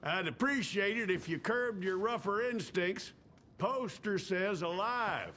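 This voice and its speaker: A man's voice: high voice, animated, a little slow, pushed and bright, slight background noise, exaggerated voice. An actor playing a folksy, wry lawman who hands out bounties, speaking in a dry drawl.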